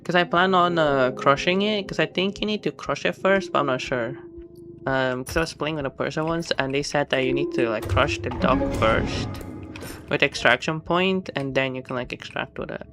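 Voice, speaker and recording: Over game music, a man with a fairly high voice talks at a moderate pace while streaming a solo game. He rambles in a chatty way, correcting himself as he goes.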